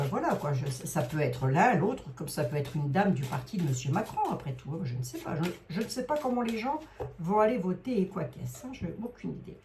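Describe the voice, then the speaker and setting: A middle-aged woman with a Lorraine accent reads cards aloud, wandering and hesitant, tacking on little fillers as she goes. Her voice sits rather low. A faint hiss of background noise runs under the recording. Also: warm tone. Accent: Lorraine French. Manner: rambling, hesitant, full of fillers like hein. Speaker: psychic card reader. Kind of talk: live card reading.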